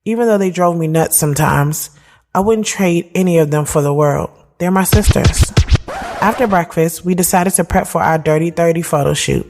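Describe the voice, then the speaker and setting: Over a loud music bed, an actress voices a thirty-year-old woman looking back on her life in first-person audio drama narration. She's lightly acted and speaks at a moderate pace in a somewhat low voice, chatty, slangy and confiding, her mood fond and thoughtful.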